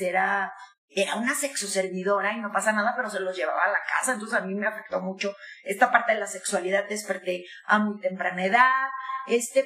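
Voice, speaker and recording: Older woman guest, lively advice talk, bright higher voice, echoey room. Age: 60s. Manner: animated, acts out quoted voices.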